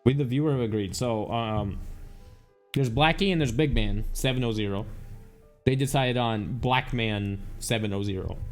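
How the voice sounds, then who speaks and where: Guy rambling over a let's play, jokey, swears a lot, mid pitch. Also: moderate pace, soft background music. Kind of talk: casual gaming commentary.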